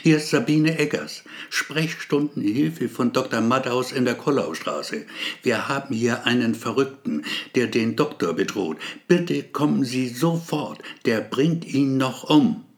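A man's voice: mid-range voice, close to an everyday voice. Man voicing a frantic receptionist woman. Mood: urgent. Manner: hurried, urgent. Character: female doctor's receptionist calling police, urgent.

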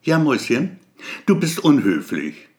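A man's voice: medium pitch, big pitch swings, a little slow. A man narrating a story voices a playful young mother who teases her visitor. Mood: teasing.

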